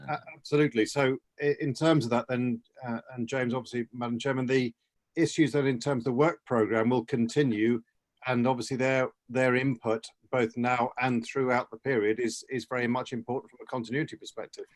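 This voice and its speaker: Man, English accent, councillor, formal and halting, many fillers. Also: mid-range voice, steady tone. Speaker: councillor on the panel. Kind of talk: formal meeting question.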